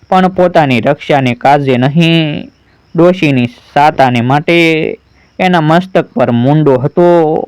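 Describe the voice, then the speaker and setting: Slow, deliberate male storyteller. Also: a little high, a little mellow, clean tone, no echo, poor audio. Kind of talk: scripted story narration.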